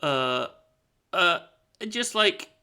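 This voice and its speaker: A man with a cold running a tabletop game as game master, narrating haltingly with many fillers. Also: fairly high pitch, very animated, sharp tone. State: has a cold.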